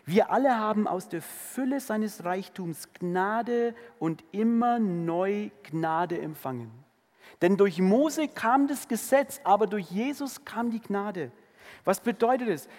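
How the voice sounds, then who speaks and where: A man preaching a sermon, earnest, moving between emphatic passages and hushed, tender ones. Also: high-pitched, long reverb tail.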